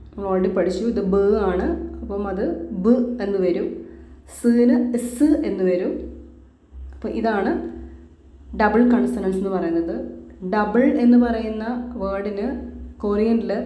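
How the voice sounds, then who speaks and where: Patient woman teacher, mellow voice. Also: mid-range voice, reverberant. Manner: patient, repeats syllables slowly one by one. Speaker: language teacher. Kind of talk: step-by-step spoken lesson.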